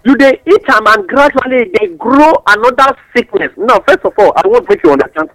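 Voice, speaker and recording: A man's voice: very high-pitched, animated, fairly quick, creaky, fairly bright tone, no echo, low-quality recording. A man with a Nigerian accent explaining things in West African Pidgin English, teaching through examples and rhetorical questions as a radio guest giving advice.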